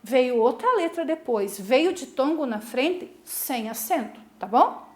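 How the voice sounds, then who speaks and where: A woman's voice: high voice, animated, takes it slowly, darkish tone. A Brazilian woman teacher giving a video lesson to school pupils, explaining a rule patiently, step by step, and asking the class questions. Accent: Brazilian Portuguese. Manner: calls herself "a prof" in the third person.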